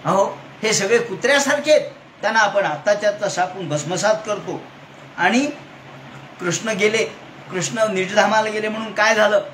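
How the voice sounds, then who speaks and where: A man giving a devotional scripture discourse, telling the story in an animated way and acting out the dialogue. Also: high voice, normal speed. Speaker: religious storyteller. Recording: echoey room with faint noise.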